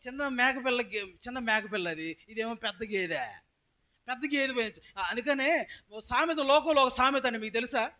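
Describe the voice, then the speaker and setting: A pastor delivers a sermon in a high voice, raising it in loud emphatic calls. He keeps asking his congregation questions as he preaches. The delivery stays forceful throughout. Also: normal speed.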